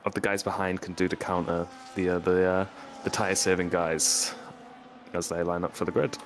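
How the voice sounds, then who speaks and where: Deep-voiced man commentating a sim race. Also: normal speed, a little hiss or hum. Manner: hesitant, many ums and restarts, gets animated during race action.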